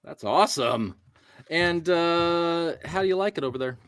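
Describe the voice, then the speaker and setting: A man's voice: a little high, expressive, unhurried, a bit bright, clean tone. A man from the United States hosting a casual toy photography talk show, upbeat and playful. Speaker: podcast host. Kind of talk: casual chat.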